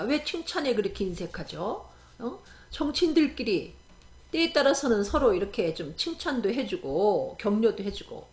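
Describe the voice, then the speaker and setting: A woman's voice: a little high, darkish tone. A middle-aged woman preaching a sermon in an emphatic way, often asking the congregation questions as she speaks. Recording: echoey room.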